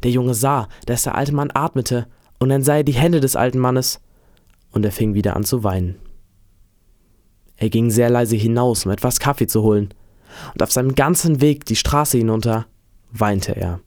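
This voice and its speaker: A man reads a novel aloud in a calm, steady way. His voice is of average pitch. The sound is dry and close, with no room echo. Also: normal speed. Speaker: reader.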